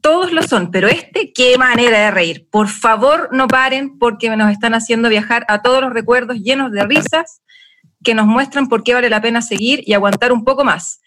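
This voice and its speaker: A woman's voice: on the high side, moderate pace, fairly bright tone. A Chilean woman co-hosting a casual chat in playful slang, her speech slightly impeded after having a wisdom tooth out. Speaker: co-host.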